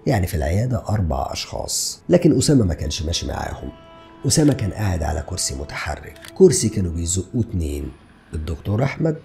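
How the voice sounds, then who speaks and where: A man in his thirties, Egyptian Arabic accent audible, recounts a true crime case and puts rhetorical questions to his audience. His voice sits low and comes across gravelly yet mellow. He records in a small dark studio indoors, with a stand-mounted podcast mic in front.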